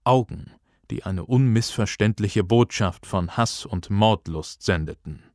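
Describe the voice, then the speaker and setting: A man narrating an audiobook in a measured, calm storytelling voice. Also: lowish voice, no echo, clean studio sound. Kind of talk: scripted narration.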